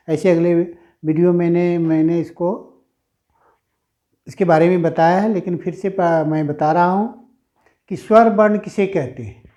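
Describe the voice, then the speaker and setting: A man's voice: high-pitched, dark tone. A male teacher explaining grammar in a classroom lesson, repeating himself and stretching out sounds as he demonstrates them. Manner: slow, repetitive explaining, stretching sounds aloud.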